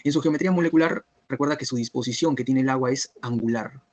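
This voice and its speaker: A man teaching a biochemistry review class online, who keeps checking whether students follow by asking if everything is clear. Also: medium pitch, fast, darkish tone, muffled recording. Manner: repetitive, checks understanding with "¿está bien?" and "¿cierto?".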